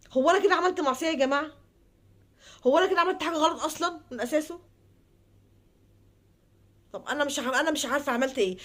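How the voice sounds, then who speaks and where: This Egyptian woman talks quickly in a high voice. She pleads and repeats herself, and her words sometimes fade into quiet murmurs. It sounds like a personal vlog that moves into advice. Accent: Egyptian Arabic. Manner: pleading, repetitive, trailing off into soft murmurs. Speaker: advice vlogger. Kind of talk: heartfelt personal monologue and advice.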